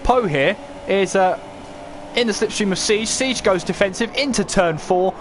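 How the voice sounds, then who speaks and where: Over a noisy background, a motorsport commentator with a high voice covers a motor race live at a normal speed. His play-by-play runs continuously, punctuated by rhetorical questions.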